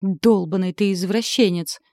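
A woman's voice: lowish voice, normal speed, dark tone, no echo, studio quality, natural voice. Woman playing a defiant, hot-tempered young heroine. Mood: indignant. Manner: snappy, defiant.

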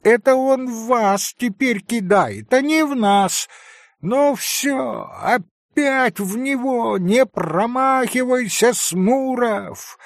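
A man doing shrill shouting schoolboys. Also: slow pace, exaggerated voice. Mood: shrill jeering. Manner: high shrill shouting, drawn out. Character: excited boys, shouting and jeering.

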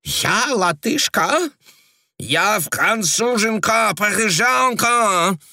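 A man putting on a shrill, haughty Parisian woman. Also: takes it slowly, a bit bright, no echo, studio quality, full character voice. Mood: indignant. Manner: shrill, rolls her r's, mixes in French. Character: fiery middle-aged Parisian woman, indignant, haughty.

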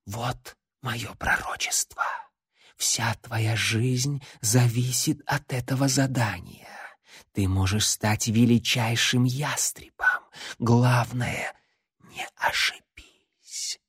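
A man voicing a living female shadow spirit in an audiobook, whispering slowly and coaxingly. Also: mid-range voice, steady tone, fairly bright tone, no echo, studio quality, exaggerated voice. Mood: ominous. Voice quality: whispered, breathy. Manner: slow, coaxing and intimate.

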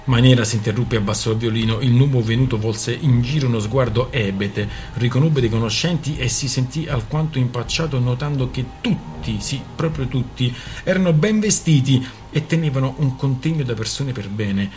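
A man's voice: mid-range voice, moderate pace, hardly any pauses, darkish tone, soft background music. A man reading a novel aloud on a radio show in a storytelling manner. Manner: storytelling, acting out characters. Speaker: reader.

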